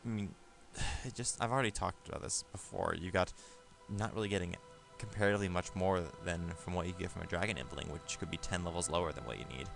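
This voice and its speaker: A man's voice: deep voice, gravelly. A man giving a casual, rambling game review over gameplay, with lots of fillers and restarts.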